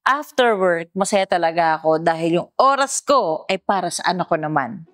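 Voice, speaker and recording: A woman vlogger narrating a voice-over in a lively storytelling tone. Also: fairly low pitch, moderate pace.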